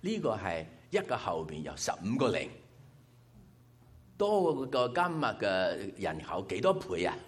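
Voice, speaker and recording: A male preacher delivering a sermon with a very deep voice. His pitch rises and falls with lively emphasis. He explains his points patiently, one step at a time, as he talks to his church gathering. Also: a little slow. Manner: explanatory, working through numbers step by step.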